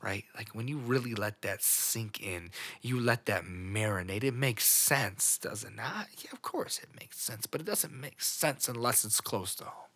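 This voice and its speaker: Male podcast host, emotional off-the-cuff monologue, husky bright voice, halting delivery. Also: fairly low pitch, expressive. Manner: halting, repeats words, trails off. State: emotional, on the edge of tears. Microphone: studio microphone.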